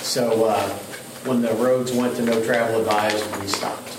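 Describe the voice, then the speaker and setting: A man's voice: on the low side, fairly even intonation, unhurried. A middle-aged man with an Appalachian accent casually introducing himself at a meeting in a room. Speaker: new highway department operator. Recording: echoey room, distant mic, loud background noise.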